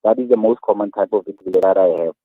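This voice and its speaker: South african guy in his 30s on a tinny phone line, lowish voice, earnest, stops and restarts a lot. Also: no echo. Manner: earnest, halting, repeats words. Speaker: guest, awareness activist. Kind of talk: phone-in radio interview.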